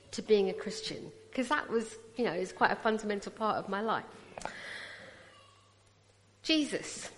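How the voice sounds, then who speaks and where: Guest-speaking at a church, a woman in her 40s from Punjab, India, who has a British English accent and a fairly high voice, shares her personal testimony in an interactive, chatty, teasing way that pulls listeners in. Her PA mic sound rings with a large hall's long reverb, plus a little hiss or hum.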